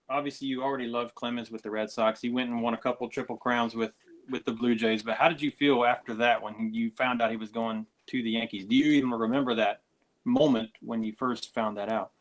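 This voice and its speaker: A man co-hosting a casual podcast, reacting enthusiastically and asking his guest questions. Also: medium pitch. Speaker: podcast co-host.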